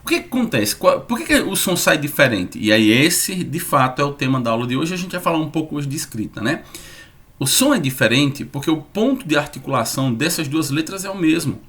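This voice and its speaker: A man teaching an online lesson, lively and repeating sounds slowly to demonstrate them. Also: fairly high pitch.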